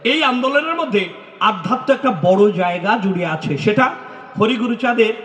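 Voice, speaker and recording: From a lecture hall stage, a religious speaker with a high, slightly bright voice delivers a devotional talk at normal speed with lively intonation. He answers audience questions with patient explanations and recites mantras in rhythmic runs, all in an echoey hall with long reverb.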